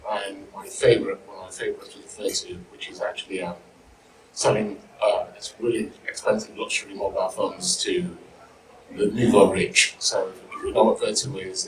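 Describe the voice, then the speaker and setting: Deep firm voiced guy chatting on a panel, jokey, echoey room, bit far from the mic. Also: steady tone, brisk, a little hiss or hum. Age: middle-aged. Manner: informal, joking, mild swearing. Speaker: panel speaker, insight director. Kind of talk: informal panel talk. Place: live panel event room, microphone.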